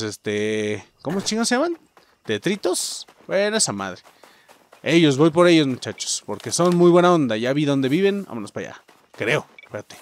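A young man with a Mexican accent giving casual, jokey gameplay commentary, swearing freely and talking straight to his viewers. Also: mid-range voice. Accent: Mexican Spanish. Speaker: gaming streamer. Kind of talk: casual let's-play commentary.

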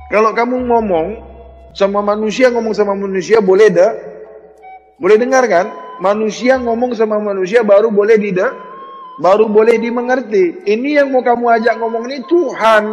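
A man with a high voice delivers a sermon to a gathered audience, scolding his listeners with a string of rhetorical questions. The voice rings through a hall with a long reverb tail, and faint music sits under the talk. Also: a little mellow, lo-fi sound. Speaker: religious teacher.

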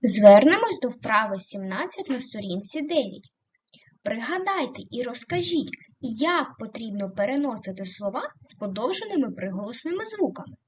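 A woman teaching a primary school class, speaking slowly and clearly, stretching out example words, asking the class questions and praising the answers. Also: a little high, sing-song, dull audio. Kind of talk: recorded online lesson.

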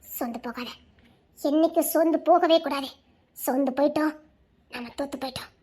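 A woman voicing a young cartoon best friend who consoles in a mock-soothing, teasing drawl, lower and softer than the heroine. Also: brisk, lightly acted. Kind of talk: cartoon voice acting.

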